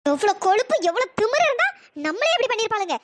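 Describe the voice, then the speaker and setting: A voice actor playing a suspicious, indignant young woman in a cartoon story, with a pitch-raised processed voice. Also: sing-song, quick pace. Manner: indignant, accusing.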